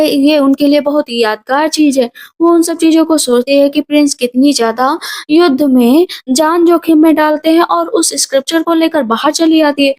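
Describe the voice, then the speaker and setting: A woman's voice: sits high, a little mellow. A woman narrating a drama recap in a casual, running storytelling way. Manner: retells scenes in a running, conversational way.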